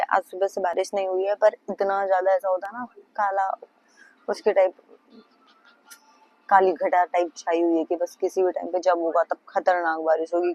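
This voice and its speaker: A woman's voice: lowish voice, darkish tone, low-quality recording. Young woman vlogging wistfully from the road. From Madhya Pradesh, India. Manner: chatty, wistful, sprinkled with English words. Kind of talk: casual travel vlog. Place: outdoors on the road.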